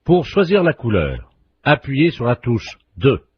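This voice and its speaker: A deadpan phone-menu operator, played by a man, reels off silly options in a flat, official cadence. His voice is very husky and lively in pitch. It sounds dull and muffled. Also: a little slow, full character voice. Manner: stiff recorded-menu delivery. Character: male phone-company automated operator, absurd.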